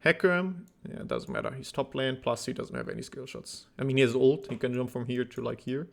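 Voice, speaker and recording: A man's voice: medium pitch, very animated, brisk, creaky. A man coaching a player through a game replay in a blunt, teasing way, a little out of breath. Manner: blunt, teasing, thinks aloud with fillers. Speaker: esports coach. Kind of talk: casual game replay review.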